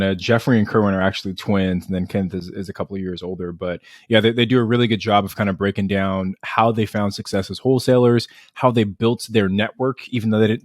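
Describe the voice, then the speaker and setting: A man's voice: on the low side, dry recording, studio quality. A man co-hosting a podcast interview, talking enthusiastically and often repeating words. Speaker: podcast co-host.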